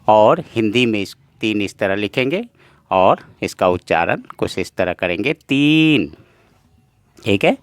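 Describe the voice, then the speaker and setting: Patient male teacher, lowish voice, repeats each point, dry close sound. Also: dry recording. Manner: patient, repetitive, addresses viewers as friends. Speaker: language teacher. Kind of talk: slow explanatory lesson.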